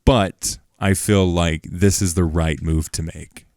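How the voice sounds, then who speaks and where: Deep-voiced relaxed podcast man. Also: slow, no echo, studio quality. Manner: relaxed, hesitant, many ums and laughs. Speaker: podcast co-host. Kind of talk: casual chat.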